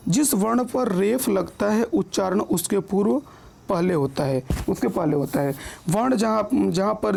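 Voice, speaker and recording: A man teaching an online grammar lesson, patiently repeating each word and rule slowly and often checking in with his listeners. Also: sits high, gravelly, darkish tone.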